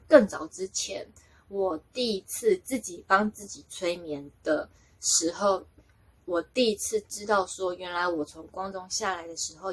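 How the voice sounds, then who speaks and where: A woman's voice: mid-range voice, breathy edge. Chatty woman telling a story. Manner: chatty, rambling, often laughing at herself. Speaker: podcaster sharing a personal story. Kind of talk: casual storytelling.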